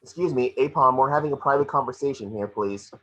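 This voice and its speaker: A man playing a sarcastic, excitable little electric detective creature in an amateur table read. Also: medium pitch, fast talker, highs cut off, close to an everyday voice.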